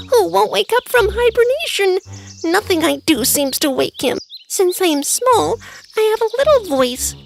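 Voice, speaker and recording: Tiny male mouse, very high, lively, slow, gravelly edge, stammering, storybook. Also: heavily acted. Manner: hesitant, stammering politeness. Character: small timid male mouse. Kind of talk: children's storybook voice acting.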